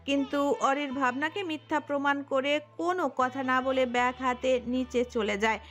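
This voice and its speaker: A woman narrating a romantic audio story in an expressive storytelling manner. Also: sits high.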